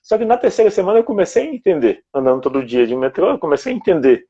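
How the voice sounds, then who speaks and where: A man's voice: high voice, big pitch swings, fast talker, warm tone, husky, muffled recording. A man from Brazil in casual conversation as a guest, explaining things step by step in a reflective way.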